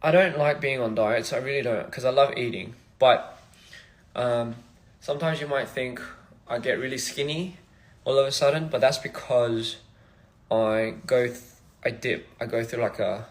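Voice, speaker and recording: A young man from Australia chatting casually on a phone livestream, soft-spoken and reflective, drifting between thoughts. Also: mid-range voice, moderate pace. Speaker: musician livestream host.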